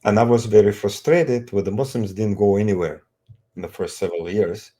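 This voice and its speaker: A middle-aged man with an Azerbaijani accent introducing himself conversationally, speaking haltingly in non-native English phrasing. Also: lowish voice, dark tone. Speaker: street evangelist, co-presenter.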